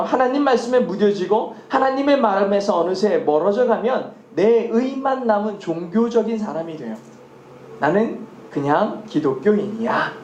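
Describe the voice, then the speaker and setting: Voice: medium pitch, darkish tone, reverberant, slight background noise. A pastor preaching a sermon and often asking the congregation rhetorical questions.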